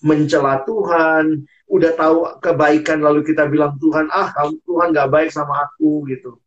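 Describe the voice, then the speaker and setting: A man's voice: on the high side, flat delivery, normal speed. Earnest man on lo-fi audio. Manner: earnest, acts out quoted dialogue. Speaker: guest speaker.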